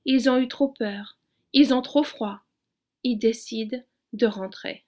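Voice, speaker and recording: Woman reading a children's story slowly. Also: fairly high pitch, fairly even intonation, darkish tone. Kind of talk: reading a children's picture book aloud.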